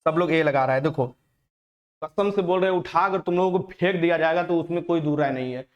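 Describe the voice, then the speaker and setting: A man runs a live online exam-prep quiz, repeating every question, teasing his students and slipping in English words. His voice sits on the high side and he talks quickly, though the audio is dull.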